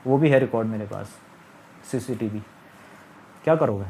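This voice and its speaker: A middle-aged man recounts his marriage in a long, casual spoken monologue, rambling, aggrieved, and repeating his phrases. His voice is lowish and mellow, at a moderate pace.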